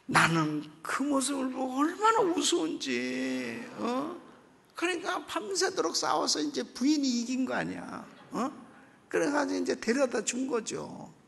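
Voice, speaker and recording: A man preaching as guest pastor at a revival meeting, telling a story in an animated way and acting out its people, at times bursting into loud exclamations. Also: very high voice, unhurried, vocal fry. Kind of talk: sermon storytelling. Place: church sanctuary. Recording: echoey church hall.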